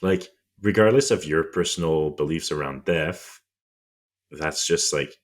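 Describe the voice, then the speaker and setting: A man with a French accent explains history on a podcast in a relaxed, conversational way. His voice sits extremely low, and he drops wry, indignant remarks as he goes. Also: unhurried. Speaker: podcast co-host.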